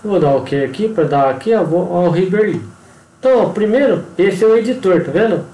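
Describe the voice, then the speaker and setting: A man with a Brazilian accent walks through a problem step by step, often stopping to check that the listener follows. His voice sits fairly high but sounds mellow and dark. The room adds a noticeable echo. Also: lively intonation, fairly quick. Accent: Brazilian Portuguese. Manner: explanatory, frequent tag questions and pointing words. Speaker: engineering instructor. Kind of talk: screen-recorded tutorial walkthrough.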